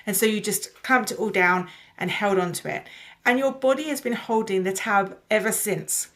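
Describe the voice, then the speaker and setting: A woman's voice: mid-range voice, moderate pace, fairly bright tone. A woman hosting her own channel, talking to camera in a casual, earnest way as a coach and sharing personal stories. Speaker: somatic coach and channel host.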